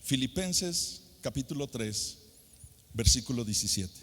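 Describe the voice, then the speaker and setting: A man's voice: medium pitch, lively intonation, measured pace, a bit bright. A middle-aged man from San Luis Potosí with a Mexican accent, a pastor preaching a sermon to young people with sung emphasis and rhetorical questions. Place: large hall at a youth conference. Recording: long hall reverb.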